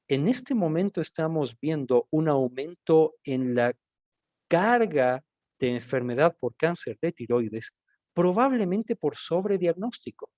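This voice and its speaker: A male physician with an Ecuadorian accent delivers a recorded medical lecture. His voice sits at an ordinary middle pitch, and he explains each point in a measured way, speaking straight to his listeners. The sound is dry, with no room echo. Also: darkish tone. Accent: Ecuadorian Spanish.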